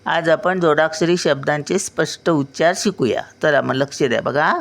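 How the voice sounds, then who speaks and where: A woman's voice: low voice, normal speed, gravelly. An older woman with a Marathi accent, patiently teaching children pronunciation syllable by syllable.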